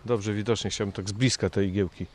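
Hesitant male hobby photographer, lowish voice. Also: steady tone. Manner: halting, hesitant. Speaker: amateur photographer. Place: outdoors.

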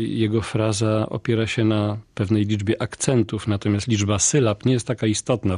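A man with a low voice gives long, measured answers as a translator in an interview. He explains patiently and analytically. The sound is dry and close, with no room around it. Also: a little mellow, no room sound. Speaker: translator of song lyrics.

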